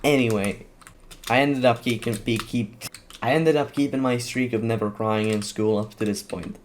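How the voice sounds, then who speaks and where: A man's voice: medium pitch, fairly even intonation, normal speed, slight background noise. A man who is a gaming YouTuber, telling a rambling story while playing and often laughing at himself. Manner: rambling, self-mocking, laughing at his own story.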